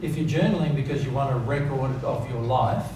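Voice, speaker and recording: A man with a mid-range voice, talking a little fast, teaches spiritual principles to an audience in an informal, emphatic style, repeating key words and asking rhetorical questions to confirm they're following. The recording is very echoey and noisy, made from a distance in a reverberant seminar room.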